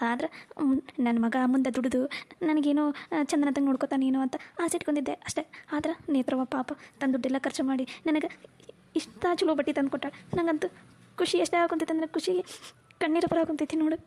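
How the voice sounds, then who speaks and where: A woman voicing a middle-aged village woman in a cartoon, soft and heartfelt, with a North Karnataka accent. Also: high-pitched, steady tone, quick pace. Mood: emotional. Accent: North Karnataka Kannada.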